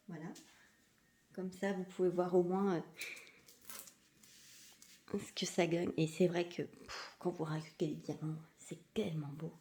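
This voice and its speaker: A woman chatting enthusiastically in a casual unboxing vlog, sometimes slipping into a soft half-whisper and moving away from the mic. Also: lowish voice, roomy sound, slight background noise. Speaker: crafting vlogger.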